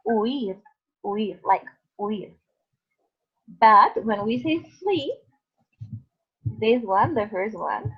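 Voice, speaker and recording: Slow, high-voiced woman teaching online. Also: breathy edge. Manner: patient, explains slowly with many fillers. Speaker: English teacher. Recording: dull lo-fi online call audio.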